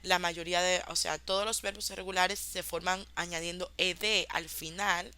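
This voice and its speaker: Woman teacher, clear bright tone, patient review of course modules. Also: on the low side, steady tone. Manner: explains in Spanish, slowly models English examples. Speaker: English teacher. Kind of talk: online class review.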